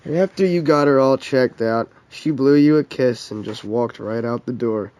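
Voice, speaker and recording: A young man with a warm, mellow voice reads a fan story aloud in the second person. He reads casually, often restarting lines and stopping for offhand asides. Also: mid-range voice, normal speed, dry recording. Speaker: fan fiction reader.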